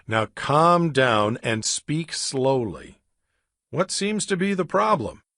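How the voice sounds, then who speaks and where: A man's voice: medium pitch, big pitch swings, slow pace, fairly bright tone, dry recording, clean studio sound, exaggerated voice. A man voicing an earnest fifth-grade boy scientist who speaks carefully and formally in a storybook reading.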